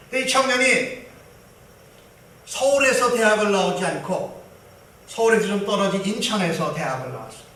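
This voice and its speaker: High, bright-voiced preaching pastor. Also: male voice, distant mic. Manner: storytelling, emphatic. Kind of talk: sermon. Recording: echoey hall from afar, faint hiss.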